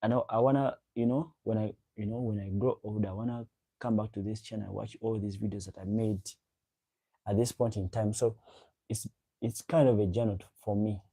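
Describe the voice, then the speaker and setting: Speaking a little fast with fairly even intonation, this man has a fairly low pitch, a dark tone and a breathy edge. He's hosting a livestream, casually chatting to viewers, reading their comments aloud and rambling with lots of repetition. A local African language is his first language.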